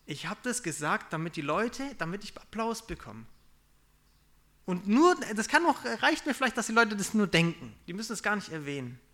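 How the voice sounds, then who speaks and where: A young man preaching in a relaxed, conversational way, confessing his own failings and acting out what people say. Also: high voice, normal speed. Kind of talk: casual sermon.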